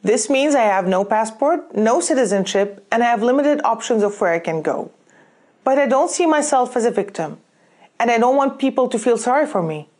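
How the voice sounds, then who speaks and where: A woman with a fairly high voice delivers a prepared graduation speech. She speaks earnestly and at a measured pace, recorded facing the camera indoors. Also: lively intonation, a little mellow. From Syria. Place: plain indoor backdrop, in cap and gown.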